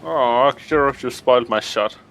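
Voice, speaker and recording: A man's voice: medium pitch, moderate pace, fairly bright tone, a little hiss or hum. A young man chatting casually while gaming with friends, dropping dry wisecracks.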